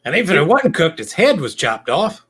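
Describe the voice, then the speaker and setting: A man's voice: on the high side, big pitch swings, a little fast, a bit bright, slightly rough. Man musing in hesitant asides. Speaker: co-host. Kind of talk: casual chat.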